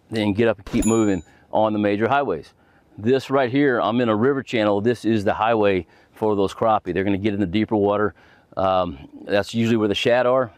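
Middle-aged guy on his boat, lowish voice, folksy and rambly with lots of ums, dry close mic. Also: dry recording. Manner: folksy, rambling, full of fillers. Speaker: fishing channel host. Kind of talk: casual instructional talk. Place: outdoors on a boat on a lake.

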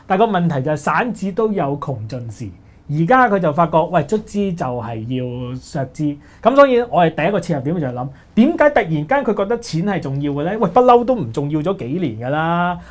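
A man with a Hong Kong Cantonese accent, co-hosting a casual panel talk show, brisk and opinionated. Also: on the high side, big pitch swings. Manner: brisk, opinionated, says "喂" often. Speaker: co-host.

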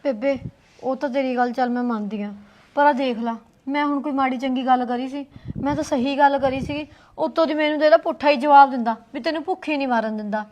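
A woman as a quick-talking young wife. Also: sits high, darkish tone, lo-fi sound, close to an everyday voice. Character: young married woman, dutiful and hardworking. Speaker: daughter-in-law. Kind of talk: short film acting.

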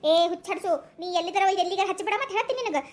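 A woman voicing a sharp-tongued, stubborn old grandmother with a North Karnataka accent, scolding in coarse village speech in a comic sketch. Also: very high-pitched, rapid-fire, pitched below the performer's own voice. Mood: abusive. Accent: North Karnataka Kannada.

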